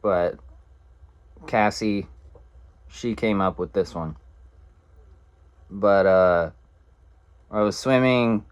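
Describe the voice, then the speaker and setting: A man's voice: on the low side, drawn-out words, pauses often, clean tone. A young man telling a casual story in a blunt, profane, rambling way.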